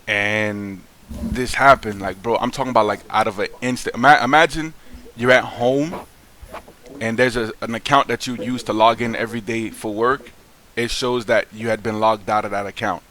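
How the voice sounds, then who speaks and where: A man's voice: lowish voice, steady tone, normal speed, pushed and bright, a little hiss or hum. A young man talking casually to the camera in a loose, slangy way, full of fillers and restarts, frankly airing a grievance. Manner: aggrieved, frank venting. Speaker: vlogger. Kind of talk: casual vlog monologue.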